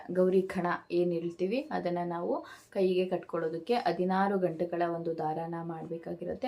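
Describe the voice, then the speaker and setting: A woman's voice: on the low side, gravelly. A woman vlogger talking casually to her viewers, explaining festival rituals step by step with many "so"s and small hesitations. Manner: steady explanatory delivery with frequent "so" and hesitation sounds. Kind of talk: casual instructional talk to camera.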